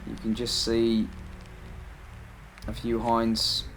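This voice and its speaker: A man's voice: mid-range voice, completely flat delivery, slow, fairly bright tone, low-quality recording. A man giving a casual, plain-spoken, conversational voice-over for his own amateur hunting footage. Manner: plain, matter-of-fact, conversational. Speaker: amateur hunter narrating own video. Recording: music behind the voice-over. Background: background music.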